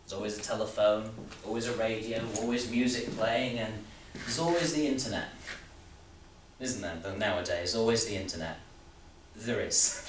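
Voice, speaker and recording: Here the actor's Elwood turns controlled and eerie, his voice pitched on the low side and close to how he'd normally talk. The overbearing, needling boss still rambles insistently in this stage monologue, firing rhetorical questions and swelling suddenly, worried about young people. It's recorded on a distant mic in a roomy space with faint noise behind.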